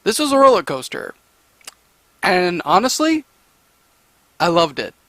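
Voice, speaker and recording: A man with a high-pitched voice, recorded dry and close, rants through his review of a horror story. He rambles, stammers and repeats himself, sounding exasperated as he picks the story apart. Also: sing-song, a little slow, sharp tone, no echo. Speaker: creepypasta reviewer. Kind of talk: ranting commentary.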